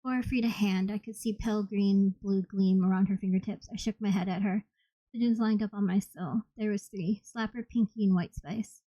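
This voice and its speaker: Mellow woman reading an audiobook. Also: medium pitch, fairly even intonation, moderate pace, no room sound. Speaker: audiobook reader. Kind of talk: first-person audiobook narration. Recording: slightly dull, dry recording.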